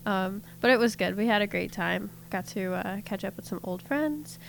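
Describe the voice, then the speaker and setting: A woman's voice: medium pitch, moderate pace, gravelly, slight background noise. A woman hosting a casual talk show, chatting and laughing easily while telling anecdotes. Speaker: host. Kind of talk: casual chat.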